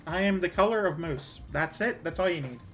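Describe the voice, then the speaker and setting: A woman's voice: fairly low pitch, expressive, fairly quick, soft background music. A woman with a Canadian accent, chatting casually with her viewers while gaming, rambling with fillers and small laughs. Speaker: streamer.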